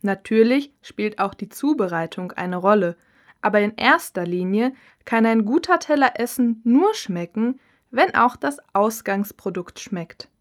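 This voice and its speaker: A woman speaks slowly and evenly in a fairly high voice. She reads her part as a cookbook author in a scripted interview. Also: animated. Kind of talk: scripted listening-test dialogue.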